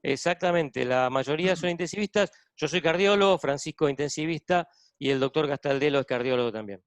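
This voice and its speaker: Speaking a little fast in a smooth, somewhat high voice, a man with a Buenos Aires accent introduces guests on a video call as host of a medical webinar. He is a cardiologist in a hospital ICU, and there is no room sound.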